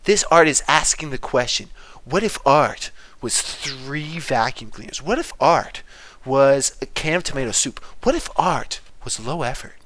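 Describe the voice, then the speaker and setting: A man's voice: medium pitch, lively intonation, a little slow, a bit bright. A man doing a pompous gushing art snob. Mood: pretentious.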